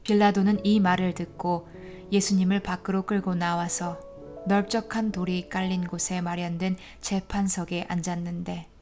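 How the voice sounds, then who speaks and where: Woman narrating scripture over soft music. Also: on the low side. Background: soft instrumental music.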